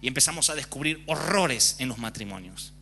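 A man's voice: mid-range voice, animated, fairly quick, bright, forceful tone, a little hiss or hum. A man preaching a sermon frankly and with passion, often acting out examples. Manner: impassioned, frank, acts out examples.

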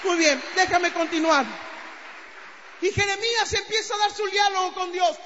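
A man preaching a fervent sermon, shouting out to the congregation and calling for responses. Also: very high-pitched, fairly even intonation, moderate pace, crowd noise, background noise. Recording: reverberant hall, dull muffled sound.

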